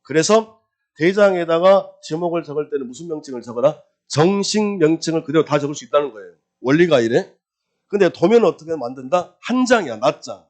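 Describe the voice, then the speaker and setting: A man's voice: a little high, animated, brisk, darkish tone. A man teaching a real estate law exam-prep lecture, firing rhetorical questions at the class, answering them himself, and repeating key terms in a singsong drill.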